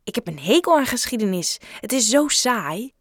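A woman's voice: a little high, big pitch swings, normal speed, no room sound, clean studio sound, pitched above the performer's own voice. A woman voicing a cheerful, curious teenage schoolgirl in a read-aloud story. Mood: friendly.

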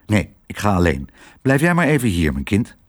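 A man playing a gruff, quick-tempered father in a read-aloud story, low and plain-spoken. There's a husky grain to the voice, though it still swings in pitch. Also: wildly swooping pitch.

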